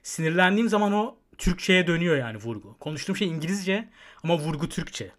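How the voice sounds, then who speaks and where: A man's voice: fairly high pitch, lively intonation, fast. A man co-hosting a casual podcast chat, playful and teasing, quizzing his guest and laughing often. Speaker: podcast co-host.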